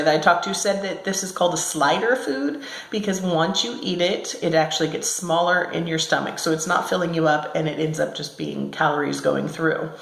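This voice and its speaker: A woman chatting casually to her viewers from a small room at her workplace, with an echoey room sound and many ums and self-corrections. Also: lowish voice. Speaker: vlogger. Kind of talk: casual talk to camera.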